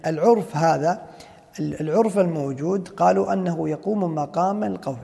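A man's voice: a little high, brisk, creaky, dark tone, big-room sound. A man teaching Islamic jurisprudence, explaining a classical text and asking and answering his own questions. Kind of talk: explaining a fiqh text in a lecture.

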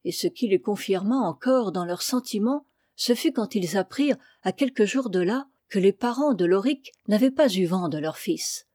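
A woman narrating a literary audiobook in a measured, expressive reading voice. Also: medium pitch, dry recording, studio quality. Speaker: audiobook reader.

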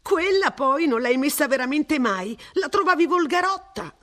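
A woman voicing a placid, gently teasing middle-aged wife in a story reading. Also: high voice, animated, normal speed, voice pushed up.

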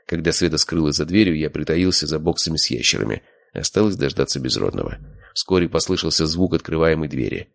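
A man narrating a first-person audiobook in a measured, even storytelling manner. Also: very deep voice, creaky, no echo, clean studio sound.

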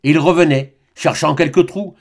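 A man narrating a classic novel as an audiobook in a calm, measured way. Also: on the high side. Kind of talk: literary audiobook reading.

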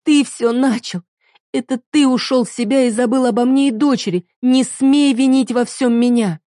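A woman voicing a heartbroken young wife who shouts bitter accusations at her husband, on the edge of tears. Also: fairly high pitch, moderate pace, dry recording, studio quality, voice pushed up, close to an everyday voice. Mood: accusing.

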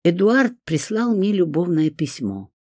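A man voicing a timid young woman heroine who speaks quietly and fearfully. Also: high voice, very animated, unhurried, dry recording, clean studio sound, pitched above the performer's own voice, full character voice. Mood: earnest.

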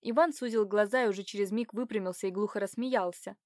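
A woman reads a historical romance novel aloud at an even, measured pace. Her voice sits at a middle pitch. The recording is close and dry, with no room sound. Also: no room sound. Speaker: narrator.

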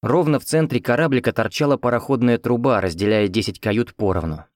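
A man's voice: medium pitch, a little fast, no echo, studio quality. A man reading first-person fiction as an audiobook narrator, in a conversational, wry storytelling manner.

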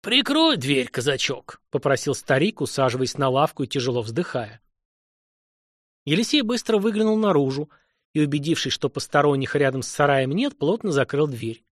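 A man narrating an audiobook in an even, measured storytelling voice on a close mic. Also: on the high side, no echo. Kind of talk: scripted narration.

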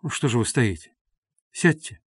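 Brief: gloomy, abrupt young man, low and terse, storybook reading, voiced by a male narrator, dry sound. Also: a little fast, a little mellow, no room sound, natural voice. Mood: quiet.

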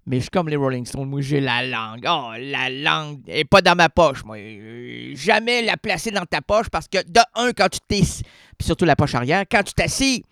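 A Québécois man hosts a comic radio monologue from a studio mic, rambling playfully and breaking into vocal sound effects. His voice sits fairly high with a gravelly edge. The sound is close and dry. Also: expressive, normal speed, fairly bright tone, no room sound. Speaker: radio host.

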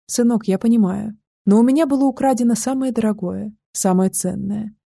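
A woman voicing a grieving mother who pleads softly and earnestly with her grown son, in an audiobook. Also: on the high side, a little fast, creaky, breathy edge, dry recording, studio quality.

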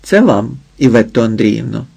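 A man's voice: mid-range voice, moderate pace, vocal fry, breathy edge. A man playing a jovial, chatty son-in-law. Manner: lively, jovial, loud. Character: cheerful talkative son-in-law, joking and flattering.

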